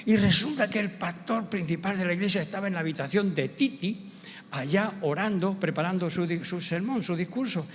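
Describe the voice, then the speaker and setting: A male pastor with a Spanish accent from Spain, preaching a sermon as an animated storyteller who builds to emphatic, slow preaching. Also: high-pitched. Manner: animated storyteller who acts out quoted voices. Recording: long church hall reverb.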